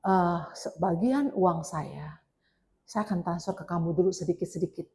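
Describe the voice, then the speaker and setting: A smooth-talking man running an online romance scam, put on by a woman, drawn out slowly in a low, hushed murmur. He coaxes and wheedles, keeping his voice soft and intimate. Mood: coaxing. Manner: slow, hushed, coaxing.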